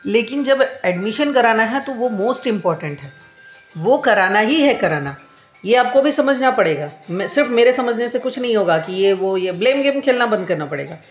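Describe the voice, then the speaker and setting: A woman's voice: fairly high pitch, expressive, moderate pace, roomy sound, faint music behind. A woman in her thirties venting to camera at home, complaining in an aggrieved, repetitive way. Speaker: vlogger.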